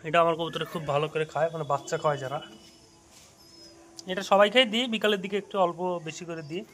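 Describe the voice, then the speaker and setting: In a relaxed rooftop vlog, a man with a Bengali accent explains things to the camera while feeding his pigeons. He talks fast in a slightly bright, higher-side voice, with a little hiss or hum in the audio.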